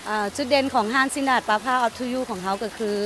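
Young woman, restaurant owner in interview, rapid and matter-of-fact, handheld mic outside, loud rain-like noise. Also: a little high. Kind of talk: interview answers. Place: outdoor restaurant at night. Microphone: handheld microphone.

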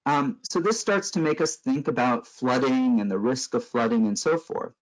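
A middle-aged man from Los Angeles, California, with an American accent and a mid-range voice gives a conference lecture over slides. He explains things in a measured way and uses frequent fillers. The recording quality is low.

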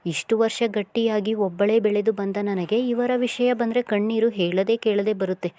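A woman's voice: mid-range voice, fairly even intonation, moderate pace, warm tone, no echo, lightly acted. A woman voicing a heartbroken young woman asking herself plaintive questions, in a storybook reading.

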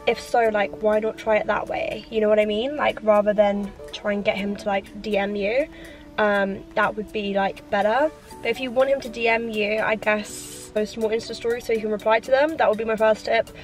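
A woman's voice: mid-range voice, level tone, normal speed, soft background music. Chatty young woman eating. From London, England. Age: 20s. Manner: chatty, leans on "like" constantly; talks while eating, mouth sometimes full. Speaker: YouTuber. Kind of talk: casual mukbang Q&A chat.

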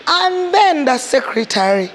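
A young Ugandan woman, an actress, telling lively stories from her career in a casual interview. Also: high voice, unhurried, slight background noise. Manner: animated storyteller, acts out quotes, laughs often. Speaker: actress guest.

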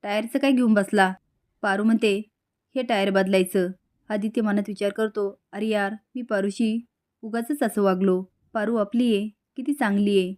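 A woman retelling the latest episode of a serial in an easy storytelling voice. Her pitch sits in the middle range, and she speaks the characters' lines in much the same everyday voice as the narration. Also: steady tone, normal speed, a little mellow. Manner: retells the scenes, reading each character's lines in a plain voice.

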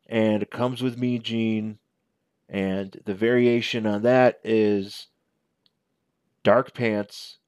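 A man in his forties giving a casual, unscripted show-and-tell commentary as a reviewer, halting and correcting himself as he goes. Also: mid-range voice, darkish tone, no echo, studio quality. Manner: halting, conversational, self-correcting. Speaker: toy reviewer. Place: small living room at home. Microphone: headset.

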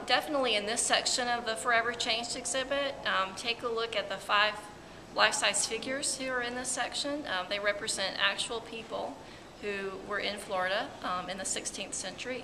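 A woman museum curator answering interview questions in an informative way, pausing often with filler words. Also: mid-range voice. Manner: hesitant, many ums, informative. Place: large museum exhibit hall, indoors. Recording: reverberant hall with clear background noise.

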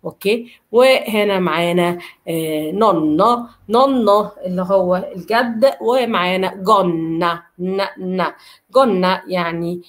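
A woman with an Egyptian Arabic accent teaching an Italian pronunciation lesson. She repeats each word slowly and keeps checking that her students follow. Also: on the low side.

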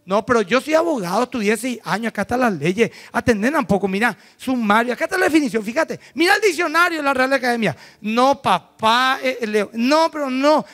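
A man from Paraguay, preaching a sermon and acting out quick mock dialogues. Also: very high voice, animated, fairly bright tone. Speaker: pastor.

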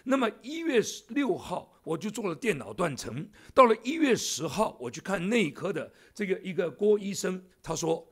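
A man's voice: high-pitched, sing-song, moderate pace, hardly any pauses, fairly bright tone. A man in his seventies, a church elder, preaching a sermon in a church with jokey asides to the congregation. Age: 70s.

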